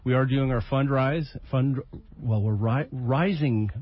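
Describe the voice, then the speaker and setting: A man's voice: mid-range voice, measured pace, highs cut off. A man hosting a live community radio talk show in a studio, talking in a casual, rambling way with many fillers and restarts, heard with an AM radio broadcast sound.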